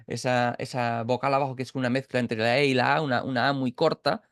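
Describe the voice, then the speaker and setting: A man's voice: medium pitch, fairly even intonation, fast, fairly bright tone, smooth, dry recording, studio quality. A man from Catalonia teaching an informal Bible study over a video call, explaining step by step with frequent restarts and checks for understanding. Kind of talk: informal online Bible class.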